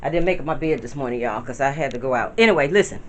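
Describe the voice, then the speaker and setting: Fast-talking and expressive, this grandmother in her fifties has a rumbling low voice, with a bit of hiss or hum on the recording. She chats casually at home, rambling as she speaks directly to viewers.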